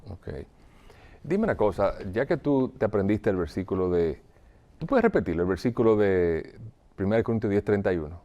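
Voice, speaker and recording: A male counselor leads a session with calm, probing questions and brief acknowledgements. His voice sits low, with a dark, mellow tone. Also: normal speed, dull audio. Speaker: pastoral counselor. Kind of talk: role-played counseling session.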